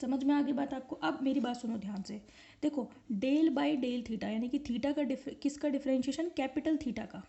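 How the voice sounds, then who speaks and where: A woman teaches an online physics lecture step by step, repeatedly asking the class whether they follow. Her high-pitched voice has vocal fry and a dark tone, delivered at a moderate pace over lo-fi sound.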